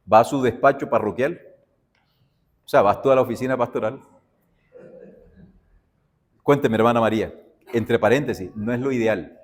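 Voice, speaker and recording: Animated man teaching theology. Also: mid-range voice, big-room sound. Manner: animated storytelling, addresses students directly. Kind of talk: classroom lecture with acted examples.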